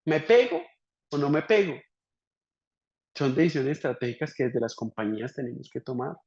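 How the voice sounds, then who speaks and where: A man's voice: mid-range voice, fairly quick, a little mellow. A man lecturing entrepreneurs on business strategy, firing off rhetorical questions and tagging his points with "right?". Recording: dull lo-fi recording.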